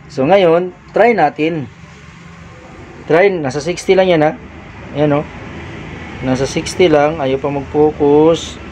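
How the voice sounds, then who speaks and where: A man giving a casual hands-on lesson on setting up a mixer, explaining step by step and shouting test calls into a microphone. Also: a little high. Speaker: sound equipment tutorial host. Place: room with a mixer and powered speaker. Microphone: handheld microphone, held at varying distance. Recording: dull sound with faint background noise.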